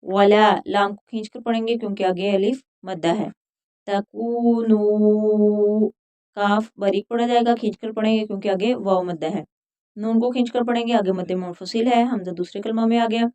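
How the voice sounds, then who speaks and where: A woman teaching Quran recitation rules, chanting verses slowly and then explaining each letter in plain talk. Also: mid-range voice, warm tone. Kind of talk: recitation and tajweed instruction.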